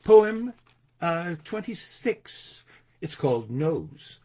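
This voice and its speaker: An older man reading his own poems aloud, expressive and theatrical, with hesitant asides between them. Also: fairly high pitch, very slow. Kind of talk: poetry reading with spoken asides.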